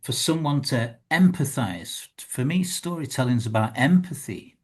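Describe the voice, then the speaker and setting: A man's voice: mid-range voice, expressive, unhurried, slightly rough. A man interviewer in reflective conversation, speaking thoughtfully and searching for his words.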